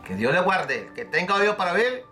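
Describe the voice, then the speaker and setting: A man preaching with fervent conviction, pressing his listeners with pleading questions and acting out the voices of scripture. His voice is bright and ringing, pitched a little high for a man. A faint guitar plays softly underneath. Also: sing-song, moderate pace. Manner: acts out the scripture voices he quotes. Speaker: pastor. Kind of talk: recorded sermon.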